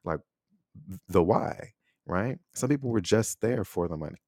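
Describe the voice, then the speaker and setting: A man's voice: sits low, expressive, moderate pace, vocal fry, a little mellow, no room sound, clean studio sound. An American man hosting a solo podcast, talking reflectively and conversationally and often checking in with a rhetorical "right?". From United States. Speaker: podcast host.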